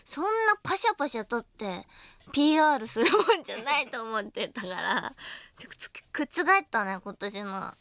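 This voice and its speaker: A woman's voice: on the high side, expressive, normal speed, fairly bright tone. A young woman hosting a late-night radio show, chatting casually and playfully, giggling often and teasing herself. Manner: acts out both sides of a mock argument. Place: radio studio. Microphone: studio microphone.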